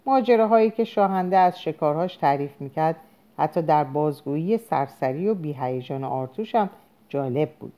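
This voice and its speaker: A woman narrating a novel aloud in an expressive storytelling manner. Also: deep voice, highs cut off. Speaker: audiobook narrator. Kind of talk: scripted narration.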